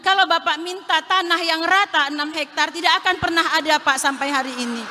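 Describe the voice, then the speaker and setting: A woman's voice: extremely high pitch, brisk, background noise. A woman from Aceh, head of a regional social services office, making a formal, pleading appeal at a national meeting and addressing the official again and again. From Aceh, Indonesia. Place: large conference hall. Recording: reverberant hall.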